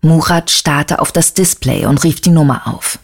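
An audiobook narrator reading a crime novel with even, measured storytelling. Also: mid-range voice, vocal fry. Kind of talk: scripted narration.

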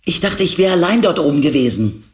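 A man voicing a flustered, defensive young man who talks insistently, pitched well above his own voice. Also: very animated, fairly quick.

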